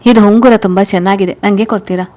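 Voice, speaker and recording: A sorrowful young wife in a spoken storybook, voiced by a woman narrator, talking softly about her losses. Her tone is gentle and wistful, close to the narrator's own voice. The pitch stays in an average range. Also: steady tone, fast talker, lightly acted.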